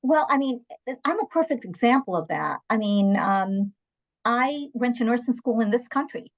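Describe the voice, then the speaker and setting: On a conversational panel, a woman from Angola and South Africa with Portuguese as her first language tells candid stories as an interpreter services guest, adding emphatic asides. Her voice is a little high and expressive at a moderate pace, and the recording's highs are cut off.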